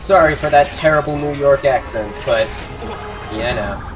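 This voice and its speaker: A man's voice: mid-range voice, unhurried, recorded from a distance, music in the background. A man giving casual let's play commentary, rambling and self-deprecating, full of fillers.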